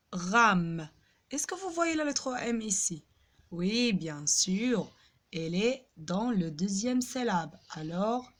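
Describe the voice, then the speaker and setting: A woman teaching French to young pupils, patiently repeating each word. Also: medium pitch. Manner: slow, patient, repeats words aloud.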